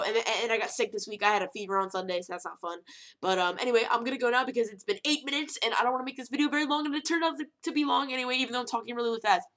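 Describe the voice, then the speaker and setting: A young woman talking casually to camera in a vlog, animated and rambling, with emphatic rhetorical questions. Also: medium pitch. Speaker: vlogger.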